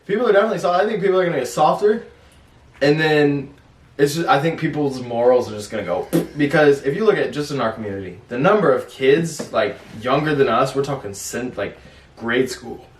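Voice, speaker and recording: A man's voice: medium pitch, animated, fairly quick, slight background noise. A young man hosting a casual podcast chat in a blunt, slangy way. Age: young adult. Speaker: podcast host. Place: small bare room, indoors at a table. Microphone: distant camera or room mic. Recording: echoey room, distant mic.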